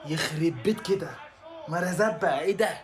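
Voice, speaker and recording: A young man with an Egyptian Arabic accent, reacting live to a football match with exasperated exclamations and shouts at the players. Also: fairly high pitch, brisk. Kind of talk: excited live reaction commentary.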